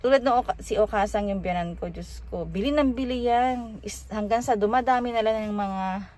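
A woman's voice: mid-range voice, unhurried. A woman talking through a face mask as she vlogs from shops, chatting casually and speaking straight to her viewers. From Philippines. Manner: chatty, addresses viewers directly. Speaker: vlogger. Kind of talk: casual vlog chat. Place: shops in Japan, on the go. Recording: loud music playing over the voice.

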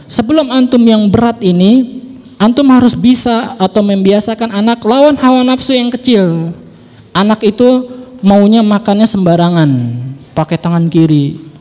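High-voiced man with a mellow tone. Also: big-room sound. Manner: earnest, repeats his points, addresses listeners directly. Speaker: parent guest on a radio show. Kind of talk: religious parenting advice talk. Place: radio studio.

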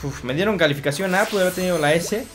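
A man giving excitable let's play commentary, taunting the enemy and cheering his character on. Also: high-pitched, quick pace. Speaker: gaming commentator. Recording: loud game music and effects behind.

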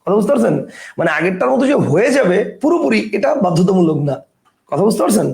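A man teaching a grammar lesson, explaining step by step and often asking whether the point is clear. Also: high voice, very animated, fast talker, darkish tone, reverberant.

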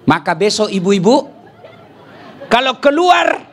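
A middle-aged man with a Makassar accent preaching a humorous sermon, joking and often shouting. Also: high-pitched, sing-song, takes it slowly, some chatter behind, slight background noise. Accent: Makassar Indonesian.

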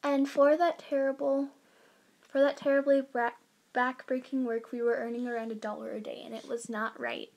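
A woman's voice: high-pitched, flat delivery, moderate pace, a little mellow, a little hiss or hum, poor audio. A woman voicing a young male immigrant miner, in an earnest first-person school history narration read plainly aloud.

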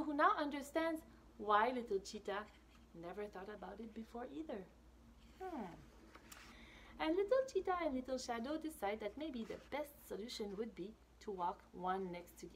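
Reading a picture book aloud to kids in a small indoor room with a brick wall, a woman in her thirties uses a fairly high-pitched, expressive voice. She drops in casual asides, whispering and putting questions to her listeners, over a little hiss or hum.

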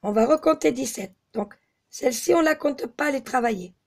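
A slightly hoarse woman giving a step-by-step crochet tutorial, patiently counting stitches aloud. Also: high voice, brisk. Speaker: crochet teacher.

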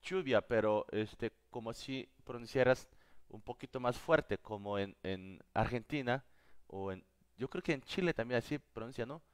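A man's voice: mid-range voice, normal speed, smooth, no room sound, studio quality. A Korean man, a native Korean speaker, teaching a live online language class, explaining patiently and repeating each word several times.

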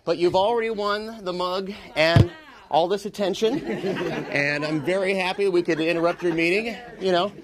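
A man hosting comic surprise award announcements indoors with a handheld mic, cheery and jokey, shouting cheers. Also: sits high, normal speed, background noise. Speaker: award show host going office to office. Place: offices, library and meeting rooms indoors. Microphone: handheld microphone.

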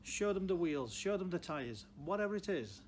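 A Stoke-on-Trent man in his sixties, working as a car dealer, speaks unscripted to camera with blunt advice and emphatic repetition, his Potteries accent plain to hear. His voice is high and lively, moving at a moderate pace. The setting is a large indoor showroom whose ambience comes through clearly in the background.

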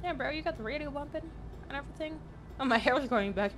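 A man's voice: extremely high pitch, expressive, fast, over music. A young man streaming a game, rambling and thinking aloud as he talks over the scenes. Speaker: gaming streamer. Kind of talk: let's play commentary. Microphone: headset.

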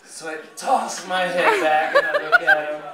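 A man's voice: on the high side, normal speed, heavy background noise. A man from California telling crude, profane stories in a stand-up set. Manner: crude, profane, deadpan storytelling. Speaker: stand-up comedian. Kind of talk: stand-up storytelling. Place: comedy club stage. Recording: echoey club, distant mic, crowd laughing.

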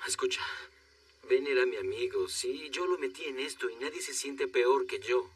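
A man's voice: mid-range voice, moderate pace, dry recording, distant mic, close to an everyday voice. A man dubbing an ambitious expedition leader in a film, talking in a persuasive, insistent way. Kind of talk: dubbed film dialogue.

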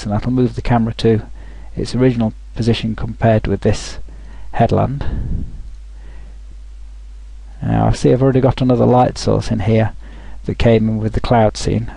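Man, software tutorial voice-over, husky, dry close sound. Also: fairly low pitch, dry recording, poor audio. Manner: thinking aloud with frequent restarts. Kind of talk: screen-recorded tutorial narration.

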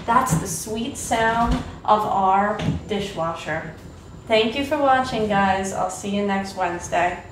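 A woman's voice: mid-range voice, slow, a little hiss or hum. Chatty young woman in an echoey kitchen. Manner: chatty, self-deprecating, jokey. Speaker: art vlogger. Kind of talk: casual chat while painting. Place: home kitchen with a running dishwasher. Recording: echoey room, mic a bit far off.

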